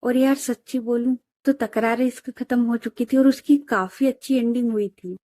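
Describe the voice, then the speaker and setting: A woman's voice: a little high, fairly even intonation, normal speed, mellow, no echo. A woman storyteller narrating a story in a chatty, friendly way, talking to listeners like friends.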